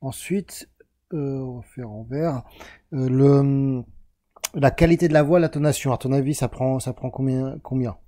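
French male host, casual self-correcting explainer, very dark timbre. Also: medium pitch, a little slow. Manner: rambling, self-correcting, talks to the viewer as "tu". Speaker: self-help video host. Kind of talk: casual explanatory monologue while drawing a chart.

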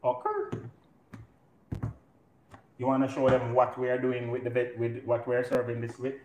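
With a darkish, mid-range voice and lively intonation, a middle-aged man with a Jamaican accent speaks at a moderate pace while playfully running a live cooking show from his home kitchen. He's a home cook acting as host. The recording is clear and roomy, with pot clatter.

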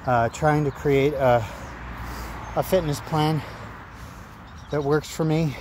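A middle-aged man talking casually to his phone outdoors in a halting, phrase-by-phrase way, as an amateur runner making a vlog. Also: a little high, steady tone. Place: outdoors among trees. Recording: noisy outdoor ambience with traffic. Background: outdoor and vehicle noise.

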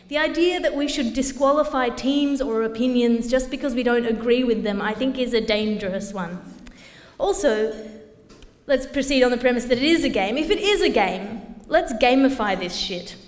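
A woman giving a dry, wry stand-up comedy debate speech. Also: on the high side. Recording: echoey hall, live audience.

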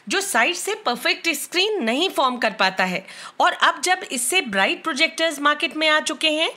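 A woman with an Indian accent talks through a product review in a high, bright voice. She explains in a clear, matter-of-fact way. Her tone stays even and steady as she narrates. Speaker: tech reviewer. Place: bedroom at home.

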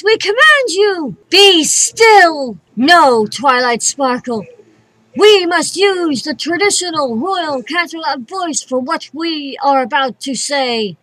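Princess Luna, a high, imperious pony princess. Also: female voice, fairly bright tone, no room sound, exaggerated voice, rough recording. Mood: commanding, indignant. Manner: formal archaic diction, royal we, declamatory. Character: regal winged moon pony princess, imperious, archaic, dramatic, awkward. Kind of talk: cartoon character voice reel.

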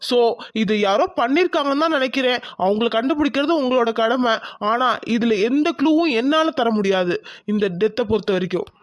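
A performer voicing a worried, puzzled male doctor in a cartoon, explaining slowly and uneasily. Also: mid-range voice, lively intonation, no echo, clean studio sound, lightly acted. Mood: uneasy. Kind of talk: cartoon voice acting.

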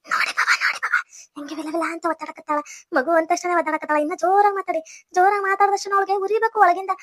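A woman's voice: extremely high pitch, fairly even intonation, rapid-fire, dry recording, studio quality. A woman voicing a sly gloating younger sister. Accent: North Karnataka Kannada. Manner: teasing, gloating whisper-like.

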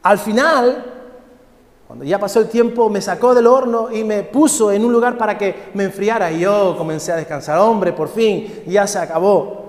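A man's voice: high-pitched, normal speed, darkish tone, natural voice. A man voicing a talking clay cup, female and pleading, crying out for the pain to stop. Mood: weary. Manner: wailing cries for it to stop. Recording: echoey hall.

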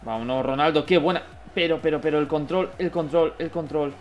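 Excitable young man, gameplay commentary. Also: fairly high pitch, a little fast, highs cut off, faint music behind. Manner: excitable, talks to viewers and players, bursts of shouting. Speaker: gaming YouTuber. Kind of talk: mobile football gameplay commentary.

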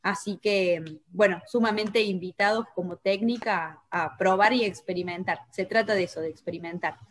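A woman with a Chilean Spanish accent calmly explaining parenting techniques on a local talk show, with frequent hesitations. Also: medium pitch, moderate pace. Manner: calm, explanatory, many hesitations. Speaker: co-host. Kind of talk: casual talk show conversation.

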